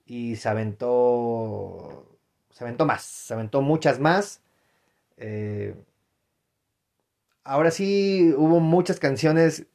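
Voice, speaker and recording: This podcast host, a young adult man with a Mexican accent, offers casual solo commentary in a darkish, mid-pitched voice. His talk wanders, full of fillers, self-corrections, restarted sentences and slang as he thinks out loud.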